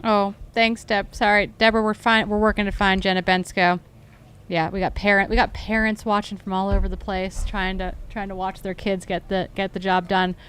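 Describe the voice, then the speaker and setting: A woman's voice: medium pitch, level tone, moderate pace, a bit bright, clean tone. A woman commentating a live trail race, chatty and upbeat, often correcting herself.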